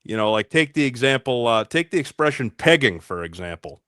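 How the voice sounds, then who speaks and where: A man with a Massachusetts accent, chatting casually and telling a deadpan joke story on a video call. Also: mid-range voice, fairly quick, smooth, no room sound, clean studio sound. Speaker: guest.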